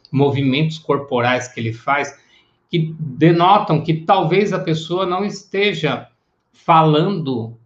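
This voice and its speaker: A man teaching psychoanalysis in a live-streamed lecture, explaining patiently and checking in with listeners with short tag questions. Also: medium pitch. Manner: explanatory, greets viewers by name, tag questions. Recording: echoey, dull lo-fi room sound.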